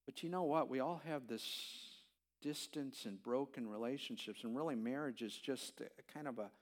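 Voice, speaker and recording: A man in his fifties preaching a conversational sermon as a pastor, telling stories with animated swings and frequent halting restarts. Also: mid-range voice. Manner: animated storytelling, voice leaps up when reenacting his own pleas; halting restarts and repeated words.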